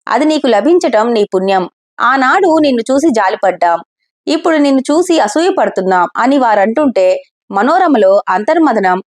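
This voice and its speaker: Woman narrator, somewhat high voice, steady expressive storytelling.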